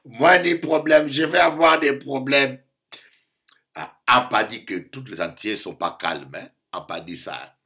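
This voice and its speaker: African bishop man preaching, super bright voice, animated, says stuff twice, middle pitch. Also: measured pace. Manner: animated, repeats phrases, acts out voices. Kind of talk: sermon.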